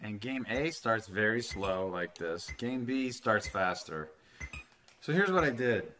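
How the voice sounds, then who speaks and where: Speaking into a desk mic at home, this man in his thirties hosts a retro gaming channel and rambles through a handheld game he's playing, cursing occasionally. His lowish voice is very animated yet a little slow, with a sharp edge, and there's slight background noise.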